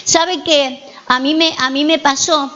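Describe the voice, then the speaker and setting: A woman's voice: sits high, fairly even intonation, measured pace, bright, forceful tone, muffled recording. A woman pastor preaching a sermon, repeating her points and asking the congregation rhetorical questions.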